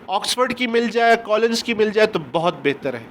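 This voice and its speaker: A man, an English teacher giving a recorded lecture, explaining step by step and reading English passages slowly. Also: high-pitched, lively intonation, slight background noise. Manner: explains step by step, often asks "ٹھیک ہو گیا؟".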